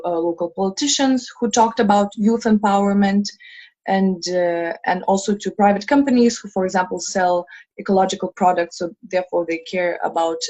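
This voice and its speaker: Her voice is on the low side and a little mellow: a Lithuanian woman in her twenties, leader of a fundraising team, talking earnestly in a casual video call chat. She uses plenty of fillers and restarts, and the audio is dull and lo-fi.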